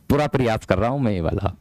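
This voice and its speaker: A young man leads an online grammar class in a firm, slightly hard voice pitched a little low. He talks slowly, stretches his words and repeats phrases as he explains. The sound is close and dry, with almost no room echo. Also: darkish tone. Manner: repeats phrases, addresses students as "my brave one"; deliberately slow, drawn-out delivery. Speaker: Hindi teacher for police exam prep. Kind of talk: live online class, casual teaching.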